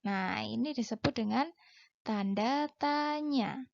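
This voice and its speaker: Slow, patient woman teaching young children. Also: on the high side, vocal fry, highs cut off. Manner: patient, drawn-out delivery with rising question intonation. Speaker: primary school teacher. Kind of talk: slow, clear classroom lesson for children.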